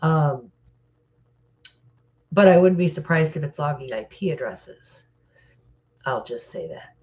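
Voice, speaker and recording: A woman's voice: low voice, lively intonation, takes it slowly, a little mellow, muffled recording. A middle-aged woman hosting a casual live-stream Q&A, stuffy from crying, talking hesitantly with many fillers while reading comments. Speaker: live Q&A host.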